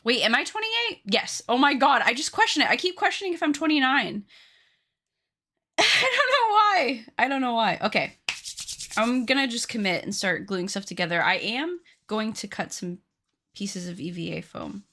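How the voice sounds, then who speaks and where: Chatty and self-deprecating, a woman in her late twenties jokes with her live-stream chat as she works on crafts. She speaks at a moderate pace in a high-leaning, very animated voice with a sharp tone.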